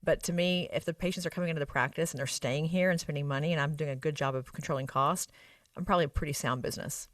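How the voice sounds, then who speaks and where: A woman's voice: sits low, fairly even intonation, quick pace, no room sound, clean studio sound, recorded from a distance. A woman with an Arkansas Southern accent explains things emphatically in a conversational expert interview, often checking in with short tag questions. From Arkansas, United States. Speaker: guest expert on medical spa practice operations.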